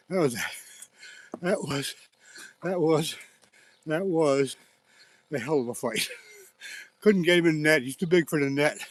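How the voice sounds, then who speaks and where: A man livestreaming a catch from a riverbank outdoors, excited and out of breath, exclaiming often. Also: fairly high pitch, no echo. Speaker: fishing livestreamer. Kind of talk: live fishing stream chat.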